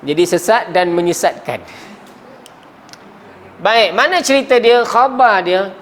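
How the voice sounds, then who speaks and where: High-voiced Malaysian teacher quizzing his class. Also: expressive, measured pace, fairly bright tone, slight background noise. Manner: asks the class frequent questions, coughs and trails off mid-word. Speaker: Arabic grammar teacher. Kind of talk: classroom lesson.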